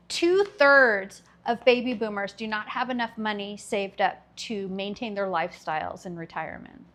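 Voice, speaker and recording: A woman's voice: mid-range voice, fairly bright tone. A woman in her fifties hosting a commentary video, talking in a wry, sarcastic way and laughing between her jokes. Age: 50s. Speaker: video host. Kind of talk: scripted commentary monologue.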